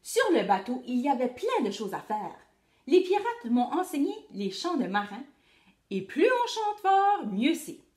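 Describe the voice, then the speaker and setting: A teacher reading a picture book aloud to children, expressive and addressing the young listeners directly. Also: female voice, a little high, normal speed, roomy sound. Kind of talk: children's storytelling read-aloud.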